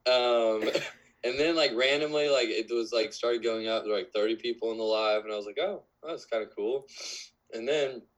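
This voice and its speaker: A man's voice: medium pitch, moderate pace, low-quality recording. A man of twenty-one, a musician guest in a casual podcast interview, talking in a rambling way full of fillers.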